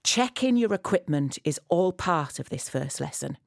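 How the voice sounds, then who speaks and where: A woman giving a poetic, scripted guided narration, intimate and close as if right in the listener's ear, measured and addressing the listener directly. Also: low-pitched, animated, creaky, dry recording. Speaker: audio walk guide.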